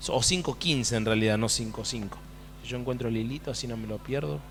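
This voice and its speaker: A man preaching a sermon, asking the congregation question after question in an animated way. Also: medium pitch, fast talker, a little hiss or hum. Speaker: pastor. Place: church hall. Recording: church hall with long reverb.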